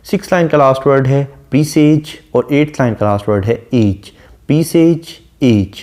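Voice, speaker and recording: Man, literature lecturer, dark relaxed tone, slow verse readings. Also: medium pitch. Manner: reads English verse slowly, then explains. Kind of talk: explaining a sonnet line by line.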